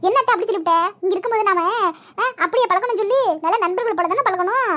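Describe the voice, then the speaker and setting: A woman's voice: extremely high pitch, fairly bright tone. A woman voicing a cheeky, teasing young village woman in a cartoon comedy, with a Kanyakumari Tamil accent. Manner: teasing, quick banter.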